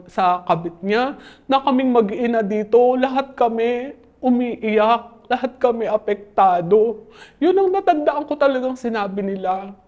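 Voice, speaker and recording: A woman in her forties telling her story in an interview, halting and polite, often addressing the interviewer as sir. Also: fairly high pitch, a little mellow. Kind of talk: emotional interview testimony.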